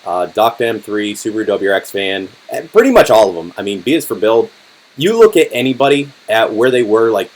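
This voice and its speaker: A young man in his twenties hosting a casual live-stream Q&A, talking in a relaxed, rambling way with lots of ums and restarts, his voice going hoarse. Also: lowish voice, poor audio. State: voice getting hoarse. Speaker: car channel host.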